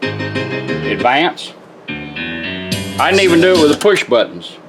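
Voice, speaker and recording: This car radio restorer speaks slowly as he demonstrates a product, his high-ish voice swooping wildly in pitch. His manner is casual, hands-on, folksy and plain, with music in the background.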